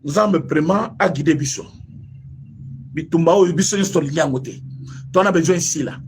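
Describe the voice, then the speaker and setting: An online commentator from Congo, speaking with a Congolese French accent, delivers impassioned political commentary packed with rhetorical questions, moving between French and Lingala. His voice is on the high side at normal speed, with a little hiss or hum in the recording.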